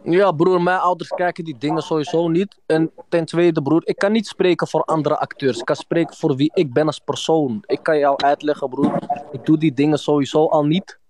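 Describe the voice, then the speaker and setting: A man's voice: fairly high pitch, fairly even intonation, normal speed, a little mellow. A man with a Moroccan-Dutch street accent arguing casually in slang, defensive and confrontational.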